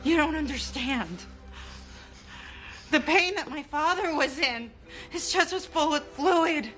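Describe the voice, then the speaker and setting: Casting: a tense, defensive mother, high bright voice. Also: lively intonation, slow, faint music behind, heavily acted. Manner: sharp, insistent. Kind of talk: TV drama acting.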